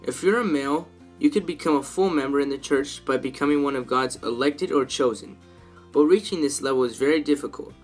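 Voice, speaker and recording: A man reading a scripted infomercial-style sales pitch as its presenter. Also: fairly quick, faint music behind.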